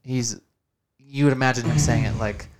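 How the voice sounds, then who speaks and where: A man's voice: mid-range voice, fairly even intonation, normal speed. A young man hosting a podcast, chatting casually and swearing often. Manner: laid-back, swears a lot, calls people dude. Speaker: podcast host. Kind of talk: casual chat.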